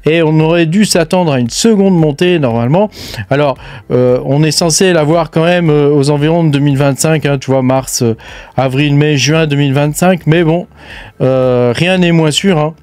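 A man's voice: on the high side, moderate pace, darkish tone, no echo. A man hosting a casual crypto news show, talking straight to the viewer in a chatty, filler-heavy way. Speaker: crypto mining news host. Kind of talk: casual unscripted commentary.

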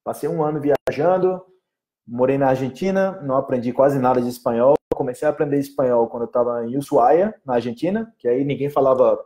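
A man's voice: mid-range voice, a little fast, warm tone. A young Brazilian man teaching Portuguese in a casual live Q&A, rambling and often checking in with "entendeu?". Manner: chatty, rambling, keeps asking "entendeu?". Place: in Colombia.

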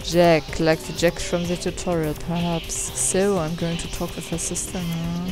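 A woman's voice: on the low side, little pitch movement, moderate pace. A woman hosting a let's play, musing aloud and stumbling as she reads dialogue options. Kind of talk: casual gameplay commentary. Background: faint game music.

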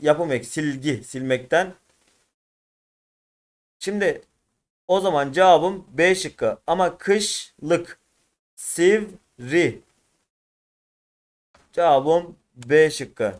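A man's voice: fairly high pitch, animated. Turkish man teaching syllable by syllable. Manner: slow, drawn-out syllable by syllable explanation; addresses students as friends. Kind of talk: exam walkthrough lesson.

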